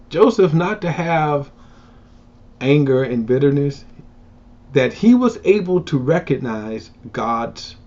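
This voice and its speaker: A man's voice: medium pitch, a little mellow. A man casually teaching from the Bible, retelling a story with many fillers and restarts, and acting out its characters in raised voices. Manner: rambling, full of fillers and restarts, acts out quotes in raised voices. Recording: dull lo-fi recording.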